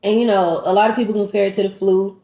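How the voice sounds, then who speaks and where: Animated woman vlogger in an echoey room. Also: medium pitch, quick pace. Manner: animated, emphatic, talks straight to viewers as "y'all". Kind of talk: casual storytime chat.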